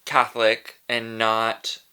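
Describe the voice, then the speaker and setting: A man's voice: lowish voice, completely flat delivery, takes it slowly, sharp tone, smooth, low-quality recording. A man with a sassy drag queen manner, narrating a chatty vlog with playful, emphatic asides.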